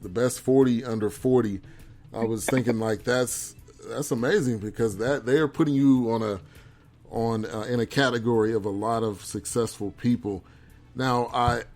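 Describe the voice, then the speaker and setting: A man's voice: mid-range voice, a little mellow. A man hosting a casual interview show, friendly, with loose phrasing and frequent repeats. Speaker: show host.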